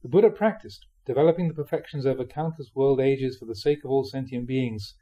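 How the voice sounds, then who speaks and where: Reading Buddhist teachings aloud in the manner of a monk's dharma talk, a man uses measured, emphatic phrasing. His voice sits in the mid range, and the high frequencies are cut off.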